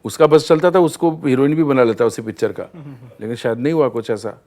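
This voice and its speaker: A male singer, a guest on a talk show, telling anecdotes in an animated way and often laughing as he goes. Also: mid-range voice, fairly quick. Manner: lively storyteller, acts out scenes and laughs often.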